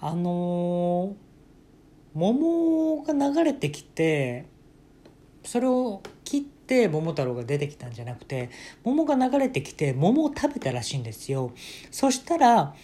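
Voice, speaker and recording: A man putting on his excited, bawdy middle-aged mother, switching into a stiff, orderly lecturing tone. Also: high voice, measured pace, voice pushed up. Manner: suddenly formal, orderly lecturing tone.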